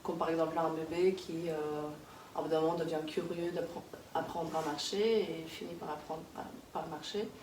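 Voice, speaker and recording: A woman in her thirties from Kazakhstan talks casually in an interview, pausing often and restarting her sentences. Her voice sits a little low. The sound is roomy and distant, with faint noise behind her. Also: fairly even intonation, darkish tone. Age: 30s. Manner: hesitant, many fillers and restarts. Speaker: interviewee, early childhood worker. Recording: echoey room, distant mic, background noise.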